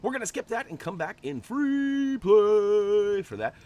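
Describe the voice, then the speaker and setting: Speaking a little slowly, this gameplay channel host has a high, expressive voice with a dark tone, made nasal and stuffy by allergies. He keeps things chatty and jokey, wandering off into rambling asides.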